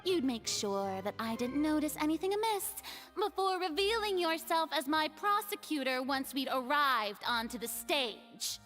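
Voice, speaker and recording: A woman's voice: sits high, animated, moderate pace, a bit bright, soft background music. An actress voicing a proud, theatrical young woman who was a goddess, in game dialogue, speaking in a poised, dramatic way. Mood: composed.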